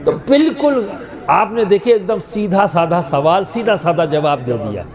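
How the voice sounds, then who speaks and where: Preacher urging a crowd to answer, echoey. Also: male voice, high voice, lively intonation. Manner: rhetorical, coaxes the crowd to answer aloud. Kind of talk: sermon to a live gathering. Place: large gathering with a stage. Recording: echoey venue with loud crowd.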